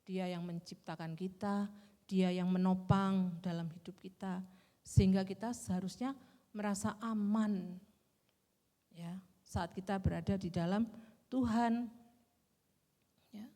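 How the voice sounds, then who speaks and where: Gentle woman preacher with a lilt. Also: mid-range voice, fairly even intonation, a little slow, pauses often. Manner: gentle, with frequent "ya" and "kan gitu" tags. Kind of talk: sermon. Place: large church hall. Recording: long church reverb.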